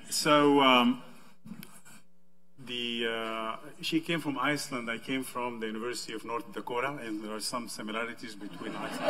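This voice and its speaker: A man's voice: mid-range voice, sharp tone, a little hiss or hum, low-quality recording. Friendly middle-aged man dean. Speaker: university dean. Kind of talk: panel presentation. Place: conference room, seated at a table.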